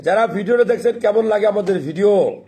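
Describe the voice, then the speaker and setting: A man hosting a casual live call-in stream, friendly and laughing often, slowly repeating phone numbers to viewers. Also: high-pitched, darkish tone, slight background noise.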